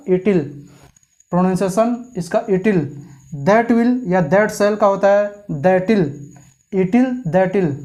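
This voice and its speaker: A teacher gives a spoken grammar lesson. They read forms slowly one by one, then explain more quickly and keep quizzing the listener with repeated questions. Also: mid-range voice, a little mellow. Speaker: English teacher.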